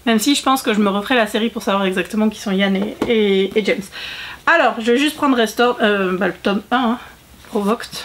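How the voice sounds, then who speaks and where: A woman's voice: medium pitch, brisk, a little hiss or hum. A woman book vlogger chatting casually to her viewers, talkative, with frequent fillers and self-corrections. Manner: chatty, full of fillers and restarts. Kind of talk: casual chat to camera.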